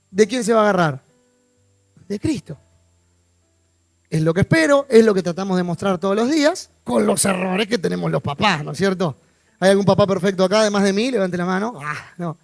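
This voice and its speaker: High-voiced Rioplatense man preaching. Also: dry recording, clean studio sound. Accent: Rioplatense Spanish. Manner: informal, asks the congregation questions, joking asides. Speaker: pastor. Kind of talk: conversational sermon. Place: church.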